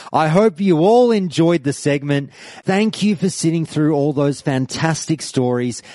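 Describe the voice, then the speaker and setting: A man's voice: fairly high pitch, no echo, clean studio sound. A man hosting a podcast, introducing callers in an upbeat presenter manner. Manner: lively, upbeat presenter delivery. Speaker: podcast host.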